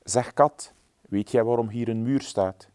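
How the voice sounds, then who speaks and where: A man's voice: mid-range voice, a little slow, darkish tone, close to an everyday voice. A man voicing a small, curious female mouse in a storybook reading, eager and wondering.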